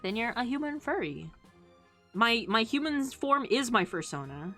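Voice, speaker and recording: A woman's voice: on the high side, big pitch swings, normal speed, fairly bright tone. Playful woman streamer with music behind. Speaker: VTuber streamer. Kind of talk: casual livestream chat with viewers.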